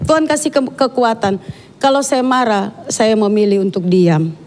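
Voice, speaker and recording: A woman's voice: a little high, normal speed, darkish tone, slight background noise. A woman giving a sermon in a church, talking frankly and chattily, with many asides to the congregation. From Dayak. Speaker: preacher.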